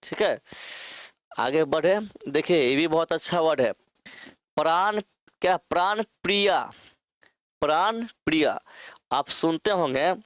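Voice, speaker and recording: Man teaching, repeating words slowly. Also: a little high, expressive, no echo, studio quality. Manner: repeats words slowly while writing them out. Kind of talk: online exam-prep lesson.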